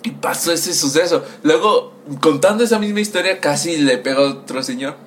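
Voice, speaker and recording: Animated young Mexican man telling a story. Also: fairly high pitch, a little fast. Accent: Mexican Spanish. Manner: crude, animated storyteller, acts out voices. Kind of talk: casual storytelling chat. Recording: faint background noise.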